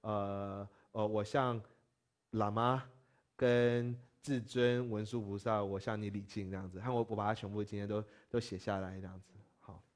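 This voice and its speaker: A man teaching a classroom language lesson. He spells out syllables slowly and often checks that his students follow. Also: lowish voice, steady tone.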